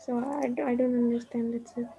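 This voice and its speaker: A woman with an Indian accent speaking as a student in an online class, deferential, with a muted, husky voice. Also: on the high side, flat delivery, brisk, warm tone, slight background noise. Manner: deferential, says "sir" often. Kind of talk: asking questions in online class.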